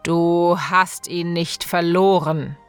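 A woman's voice: deep voice, takes it slowly, soft background music, voice pushed down. A woman doing Bluebeard, cold and menacing. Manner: cold, commanding, wrathful. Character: cruel menacing man, murderous husband.

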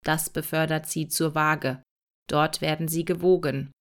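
A woman voicing a calm, patient male factory robot who explains things in an instructive way. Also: sits low, unhurried, pitched below the performer's own voice.

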